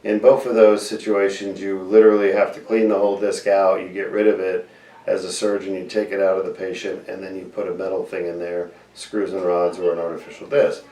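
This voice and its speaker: A man's voice: deep voice, flat delivery, a little fast, dark tone. A man, a surgeon interviewing his patient and explaining procedures in plain terms to viewers. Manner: explanatory, addresses viewers directly. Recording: distant mic in echoey room.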